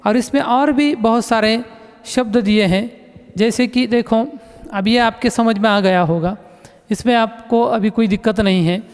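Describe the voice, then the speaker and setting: This is a male instructor whose voice is high-pitched and clean, his delivery a little slow. He patiently goes back over words during his recorded lesson, repeatedly saying "look," and the room gives off an echoey reverb.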